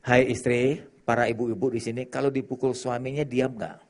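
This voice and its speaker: A man's voice: medium pitch, level tone, brisk, a little mellow. A man preaching a sermon as pastor, joking and teasing the congregation, talking back to their calls and acting out quarreling spouses. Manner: acts out quarreling spouses in put-on voices; talks with the audience, answering their calls.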